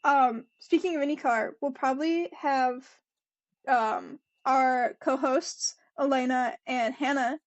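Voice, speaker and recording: A woman's voice: sits high, takes it slowly, lo-fi sound. A young woman co-hosting a casual podcast chat, talking freely and laughing often as she reads out quotes. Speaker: podcast co-host. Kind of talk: casual chat about motor racing.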